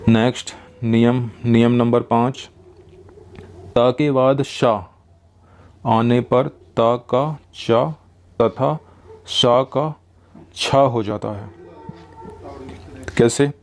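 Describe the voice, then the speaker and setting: A man teaching a grammar lesson, working through examples and repeating each rule slowly. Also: mid-range voice, steady tone, a little mellow.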